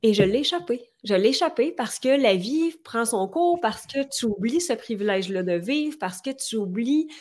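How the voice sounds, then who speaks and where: A woman's voice: a little high, expressive, normal speed, few pauses, a little mellow. A woman in her forties with a Quebec French accent, earnestly talking as a guest in an interview and firing off rhetorical questions. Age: 40s. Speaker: podcast guest. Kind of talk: conversational interview.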